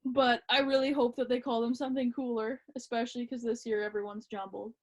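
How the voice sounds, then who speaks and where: A woman talks hockey on a casual podcast, her voice sitting a little on the high side. She is relaxed and a bit hesitant, often filling pauses with ums. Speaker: podcast co-host.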